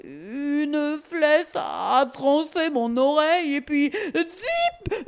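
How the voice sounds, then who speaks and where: A wounded boar from a storybook, read by a woman protests and complains in a slow, fairly high voice. He recounts his woes plaintively, insisting he is not to blame. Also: exaggerated voice. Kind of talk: storybook reading aloud.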